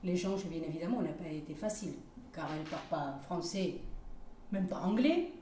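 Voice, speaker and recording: A woman telling a personal story aloud at a live event, lively and often pausing with hesitations. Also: lowish voice. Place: community hall. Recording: roomy hall, distant mic, faint noise.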